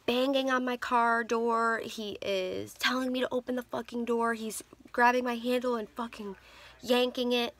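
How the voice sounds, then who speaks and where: A woman's voice: a little high, little pitch movement, moderate pace, a bit bright. A woman in her twenties vlogging to a phone camera, telling her stories candidly with lots of ums and restarts. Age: 20s. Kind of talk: casual storytelling to camera. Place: in a car.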